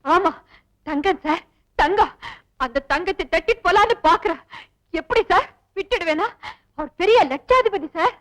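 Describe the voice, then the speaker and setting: A woman's voice: very high voice, moderate pace, long pauses, a bit bright, low-quality recording. An actress playing a frank, spirited young woman in a 1960s film drama, given to tearful, pleading outbursts. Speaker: lead actress in a film scene.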